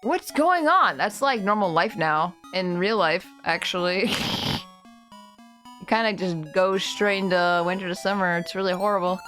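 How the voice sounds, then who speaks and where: A woman's voice: fairly low pitch, fairly even intonation, moderate pace, fairly bright tone, soft background music, low-quality recording. A woman giving casual, joking commentary as she plays a video game, slipping between exclamations and muttering. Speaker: gamer playing a game for the first time. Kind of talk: casual playful gaming commentary.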